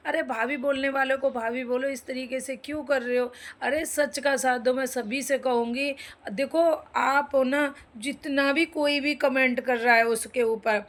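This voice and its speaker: Indignant woman scolding, fairly high voice. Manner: scolding, indignant, addresses people directly. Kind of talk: angry opinion rant to viewers.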